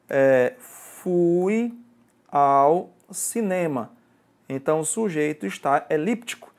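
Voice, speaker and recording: A man's voice: a little high, darkish tone. A man with a Brazilian Portuguese accent teaching an exam-prep grammar lesson, explaining step by step and often checking in with the student.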